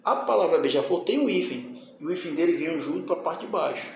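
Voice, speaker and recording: A man's voice: fairly high pitch, expressive, fairly quick, vocal fry, very echoey, a little hiss or hum. A man teaching a grammar lesson, explaining step by step and checking in with his students. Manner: explains step by step, often asks "tá?" and "certo?".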